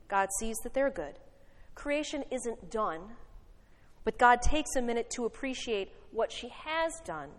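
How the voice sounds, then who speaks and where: Woman, pastor, sermon, wry animated storytelling, long hall reverb. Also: on the high side.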